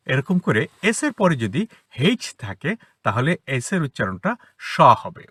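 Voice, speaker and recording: A man with a Bengali accent teaches spoken English to children, his pitch moving in a lively way as he explains step by step. His voice is bright with a slight huskiness. The sound is dry and close, recorded inside a parked car. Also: slightly rough, no echo. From Bangladesh. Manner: explanatory, repeats example words slowly. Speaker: English teacher, academy founder.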